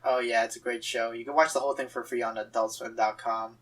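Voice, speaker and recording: A man's voice: mid-range voice, little pitch movement, a bit bright, poor audio. A man in his twenties, a guest artist, chatting casually and joking with frequent laughs. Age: 20s. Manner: giggly, joking, quick to laugh. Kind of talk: casual chat while sketching.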